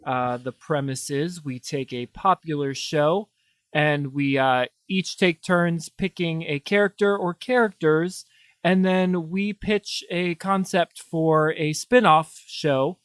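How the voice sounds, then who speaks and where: A young man co-hosting a comedy podcast, playful and quick to laugh. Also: fairly high pitch, clear, resonant tone, no echo. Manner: playful, laughs often, lively. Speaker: podcast co-host. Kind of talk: casual comedic chat.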